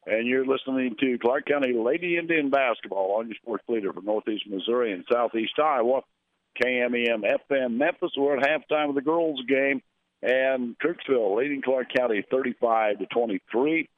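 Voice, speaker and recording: A man's voice: medium pitch, normal speed, no echo. A man, announcing a local radio basketball broadcast and reading scores and schedules in a conversational way. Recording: narrow phone-like radio sound.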